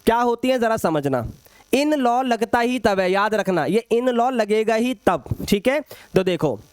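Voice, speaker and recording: High-voiced male tutor. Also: animated, a little slow, clear, resonant tone, no room sound. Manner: addresses students as beta, frequent asides, repeats for emphasis. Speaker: maths teacher. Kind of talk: online exam-prep lecture.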